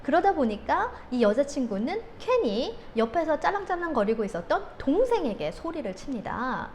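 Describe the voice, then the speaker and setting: A woman's voice: sits high, moderate pace, slight background noise. A woman counselor giving a lecture on handling anger, telling stories vividly and acting out the scenes. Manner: animated storytelling, acts out quoted scenes.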